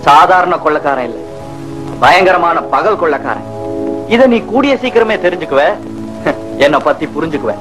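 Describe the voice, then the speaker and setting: An actor playing an arrogant young rich man in a 1980s Tamil film, taunting with slow, drawn-out sneers. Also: a little high, lively intonation, lightly acted, poor audio. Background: film score music.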